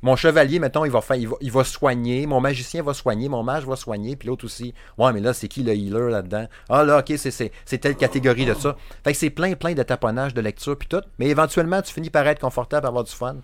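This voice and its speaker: A man's voice: medium pitch, fast, hardly any pauses, no echo. Chatty Quebec man, dry close sound. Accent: Quebec French, Saguenay. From Saguenay, Quebec. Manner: animated, rambling, stacks up fillers and restarts. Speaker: podcast co-host, game reviewer. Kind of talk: casual chat.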